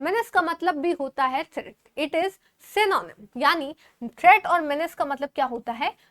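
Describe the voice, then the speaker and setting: A woman teaches an exam-prep lesson in a very high voice. She poses questions and answers them herself, fondly calling her students babu. She mixes English words into her explanations. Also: unhurried, a bit bright. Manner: affectionately calls students babu.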